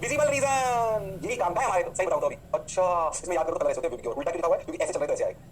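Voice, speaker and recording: Brief: high, very fast male tutor who asks and answers his own questions. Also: slight background noise. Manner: drawn-out exclamations. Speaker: physics teacher. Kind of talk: fast classroom lecture.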